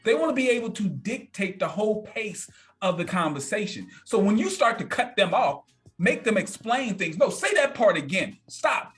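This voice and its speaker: High-pitched guy in his 30s telling a story on a podcast, blunt and emphatic, voice bouncing all over. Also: expressive, normal speed, fairly bright tone, soft background music. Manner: emphatic, blunt, repeats points for effect. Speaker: podcast guest. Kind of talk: casual animated storytelling.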